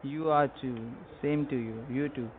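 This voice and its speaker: A young man prank-calls in halting, broken English and repeats the same short phrases. His voice is of middling pitch for a man and comes through a tinny, phone-like line. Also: steady tone, a loud crowd. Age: young adult. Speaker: prank caller. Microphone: telephone.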